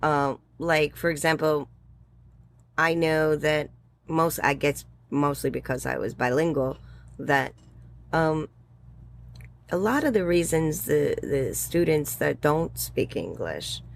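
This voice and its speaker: Low-pitched, slow and gravelly, this voice belongs to a woman in her sixties appearing as a guest educator. She talks through her ideas in a relaxed interview, often saying "um" and laughing lightly.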